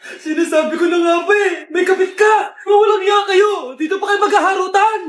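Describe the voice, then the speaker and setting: Woman as wronged wife, teleserye confrontation, piercing high voice, accusing fury, comedy skit, roomy echo. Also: steady tone, a little fast, shouting, some chatter behind. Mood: furious, tearful. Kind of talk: melodramatic teleserye confrontation acting.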